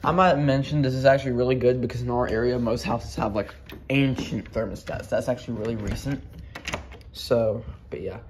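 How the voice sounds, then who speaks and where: Walking through a house with a phone in hand, a young male vlogger rambles through an offhand tour. His mid-range voice keeps a fairly level intonation and moves a bit fast, and the recording is noisy with clicks throughout.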